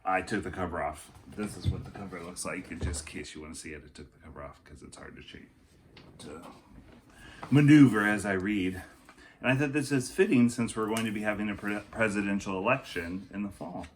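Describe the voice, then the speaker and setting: A male teacher with a low-sitting voice reads a picture book aloud to children fairly quickly, with background noise audible. His reading is expressive and emphatic, broken up by softer, chatty asides.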